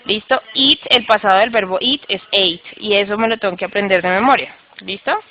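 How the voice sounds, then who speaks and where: A woman with a Colombian Spanish accent teaches English grammar online, walking through it step by step and checking in often with her students. Her mid-range voice moves a little fast, and the highs are cut off.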